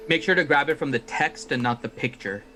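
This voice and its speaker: Man hosting a tabletop stream, bright forceful voice, chatty, faint music behind. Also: on the high side. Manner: chatty, quick, laughing asides. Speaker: player and stream host. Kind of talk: casual chat while playing a tabletop game.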